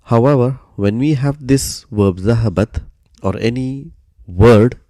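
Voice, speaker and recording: A man explaining grammar step by step in a recorded lesson, patient and steady, often starting sentences with "so" and pausing on "uh.". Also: medium pitch, dry recording, studio quality. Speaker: Arabic grammar teacher.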